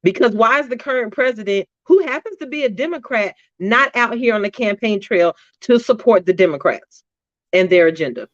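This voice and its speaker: A woman co-hosting a casual political discussion show, laying out her arguments in a deliberate, opinionated way. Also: fairly high pitch, lively intonation, no room sound, lo-fi sound. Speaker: podcast co-host.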